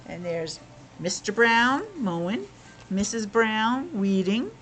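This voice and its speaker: A woman reads slowly in a medium-pitched, slightly bright voice with lively intonation. She is a teacher reading a picture book to young children, pausing for casual asides, questions and explanations. The recording is rough.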